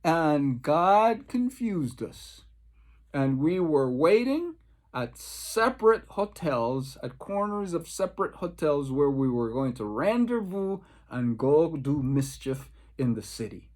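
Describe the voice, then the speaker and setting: In a slightly high, sing-song, a little mellow voice, a pastor from the Caribbean leads a devotional Bible study. He tells personal stories emphatically, with repeated phrases and pauses for effect.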